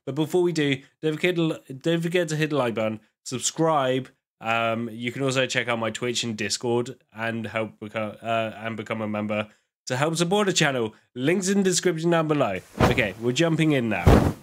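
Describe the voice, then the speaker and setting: A man's voice: mid-range voice, normal speed. Man with a groggy, cold-stuffed voice. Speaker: YouTube reaction host. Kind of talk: casual reaction commentary. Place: small bedroom studio, indoors. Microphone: close desk microphone.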